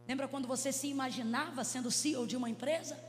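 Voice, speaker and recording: A woman pastor with a Brazilian Portuguese accent, preaching a Pentecostal sermon into a handheld mic, swinging from hushed storytelling to shouts. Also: high voice, steady tone, quick pace, a little hiss or hum. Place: large church hall. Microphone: handheld microphone. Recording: reverberant church hall with music.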